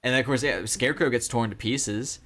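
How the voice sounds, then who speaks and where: A man's voice: mid-range voice, normal speed, a bit bright. A man co-hosting a casual movie podcast, talking in a loose, rambling way with restarts and repeated words. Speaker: podcast co-host.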